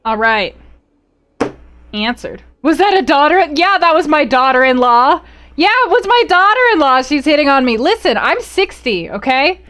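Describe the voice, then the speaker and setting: A woman's voice: sits high, very animated, normal speed, a bit bright. A woman streaming a strategy game live. She reads the event text aloud, reacts with playful exclamations and talks to her chat.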